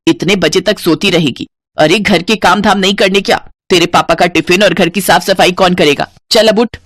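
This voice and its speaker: A woman voicing a cold stepmother in a storybook, speaking in a sharp, nagging way. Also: on the low side, moderate pace, no room sound, clean studio sound, lightly acted. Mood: scolding. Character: harsh stepmother, cold and scolding.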